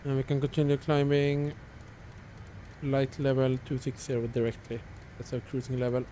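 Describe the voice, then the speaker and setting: A man's voice: mid-range voice, completely flat delivery, normal speed, mellow, a little hiss or hum. A man flying a flight simulator online, giving terse pilot-style cockpit callouts and checklist items.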